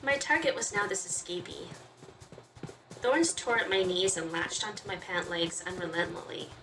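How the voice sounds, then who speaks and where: This woman reads a game's story aloud with expression and chats reactively as she plays, let's play style. Her voice is lowish with a fairly bright tone at normal speed, recorded roomy and distant with game music in the background.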